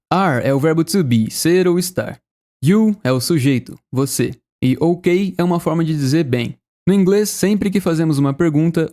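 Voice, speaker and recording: Brazilian guy teaching english online, upbeat, repeats stuff slow, kinda high but mellow voice. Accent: Brazilian Portuguese. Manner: upbeat, explains slowly, repeats phrases for practice. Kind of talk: casual online English lesson.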